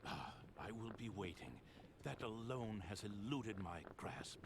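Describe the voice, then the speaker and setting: A man's voice: fairly low pitch, a little slow. An actor playing a grave, yearning man in a video game. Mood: grave, expectant. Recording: noisy game ambience.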